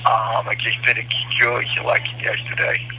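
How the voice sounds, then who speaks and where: A man calling over a prison phone line, recounting his court troubles earnestly and haltingly, with frequent ums and restarts. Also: medium pitch, completely flat delivery, vocal fry, sharp tone, a little hiss or hum. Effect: heard over a prison phone line.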